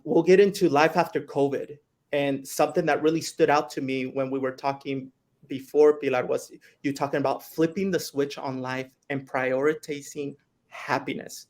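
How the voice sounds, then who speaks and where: A man hosting a livestream interview, enthusiastic and slipping in the odd Spanish phrase. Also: fairly high pitch. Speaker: host.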